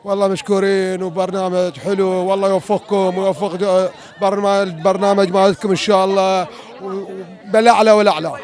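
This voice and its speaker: A fairly high-pitched Iraqi man speaks quickly in a casual street interview. He hesitates and restarts his phrases, with a faint crowd around him. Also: little pitch movement, a little mellow. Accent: Iraqi Arabic. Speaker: quiz contestant. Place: outdoors on a city street.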